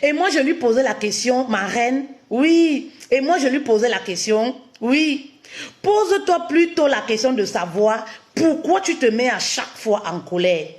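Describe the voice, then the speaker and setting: A woman's voice: high voice, animated, unhurried. A woman relationship coach giving a live-streamed talk, cutting in with emphatic affirmations and posing many rhetorical questions to her listeners. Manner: addresses listeners warmly as "my queens", repeats key phrases.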